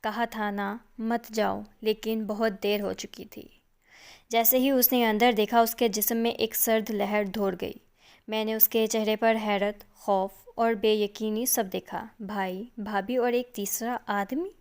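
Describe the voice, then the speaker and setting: A woman reading a suspense story aloud in a measured, dramatic way. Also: medium pitch, little pitch movement, darkish tone, clean tone. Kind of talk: scripted suspense narration.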